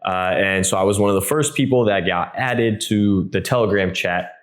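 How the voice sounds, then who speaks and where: This podcast host is a twenty-something man with a low-sitting voice who speaks at an ordinary pace. He keeps things casual and friendly, using "uh" often.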